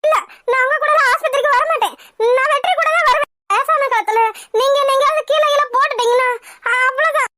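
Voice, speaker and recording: A woman's voice: very high-pitched, fast, heavy background noise. A woman voicing a scheming young wife in a village cartoon who whines and pleads, faking chest pain. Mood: pleading. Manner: whiny, pleading. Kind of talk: cartoon voice acting.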